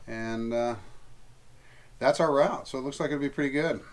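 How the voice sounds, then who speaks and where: A man's voice: mid-range voice, moderate pace, slight background noise. A man hosting a sailing vlog, talking through the weather plan casually, with many fillers. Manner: relaxed, chatty, with many fillers. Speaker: sailing vlog host and boat owner. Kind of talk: casual explaining to camera. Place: aboard a sailing catamaran.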